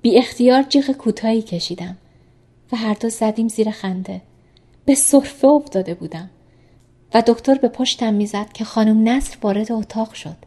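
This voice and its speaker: A woman reading a first-person novel aloud in calm, soft, even narration. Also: on the high side.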